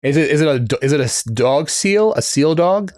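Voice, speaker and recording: A man's voice: a little high, lively intonation, a little fast, a little mellow, no room sound, clean studio sound. A man co-hosting a casual podcast, talking loosely with lots of fillers and restarts. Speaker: podcast co-host.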